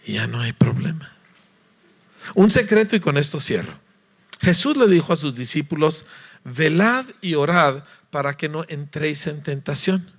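Male preacher, lively sermon delivery, bright, forceful voice pitched a little high. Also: normal speed. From Mexico. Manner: animated, acts out voices, sings notes, asks listeners "¿verdad?".

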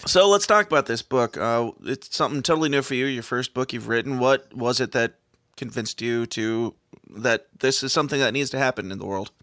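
A man hosting a podcast, asking interview questions in short, relaxed prompts. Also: mid-range voice, a little fast, dry recording, clean studio sound. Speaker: podcast host.

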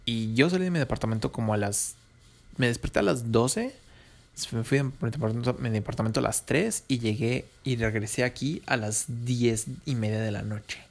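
A man's voice: mid-range voice, animated, moderate pace, vocal fry. A young Mexican man with a Mexican Spanish accent, rambling through a slangy, casual story. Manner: slangy, rambling, laughs between lines.

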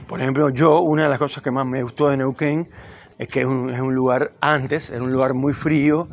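A Cuban man hosts his own podcast, rambling through a loose, improvised monologue as he walks along a city street with cars passing. His mid-range voice has vocal fry and a little hiss or hum.

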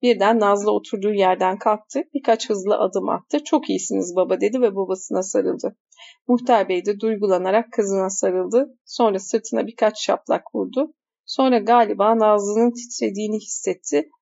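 A woman's voice: mid-range voice, steady tone, normal speed, creaky, mellow, dull audio. A woman reading a novel aloud, stopping now and then to comment on the text. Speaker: reader.

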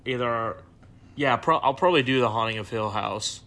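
A man's voice: medium pitch, moderate pace, sharp tone. A man who is a guest on a podcast, chatting casually about books and often restarting his sentences. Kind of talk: casual book chat.

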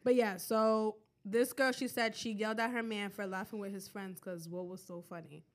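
A woman's voice: medium pitch, steady tone, normal speed. A young woman co-hosting a podcast, telling stories in casual chat, laughing often and swearing freely. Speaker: podcast co-host.

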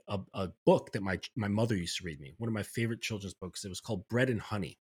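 Brief: men's coach as podcast guest, husky voice, thoughtful, keeps asking "right?". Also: male voice, on the low side. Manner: reflective, often checks in with "right?". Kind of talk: podcast conversation.

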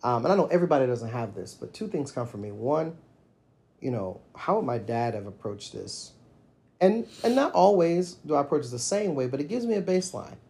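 A middle-aged man talks in a relaxed podcast conversation. His voice sits at an ordinary middle pitch. He sounds reflective and tells his stories at length, rising and getting animated whenever he quotes himself. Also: a little fast. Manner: reflective, storytelling, animated when quoting himself. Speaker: podcast co-host. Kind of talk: casual conversation.

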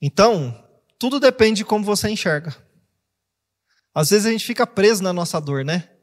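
A Brazilian man delivers a sermon with lively, theatrical energy, slipping into quoted voices to make his point. His voice sits high for a man. The sound carries a long reverb, as if from a large church hall. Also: normal speed. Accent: Brazilian Portuguese. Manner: animated preaching, acts out quoted voices and jokes. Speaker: pastor.

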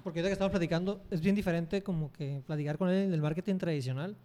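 Host masculino mexicano, tono algo agudo y timbre suave, charla relajada con muletillas. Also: male voice, a little high, racing. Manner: relaxed, slangy, many fillers. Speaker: podcast host. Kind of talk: casual conversational interview.

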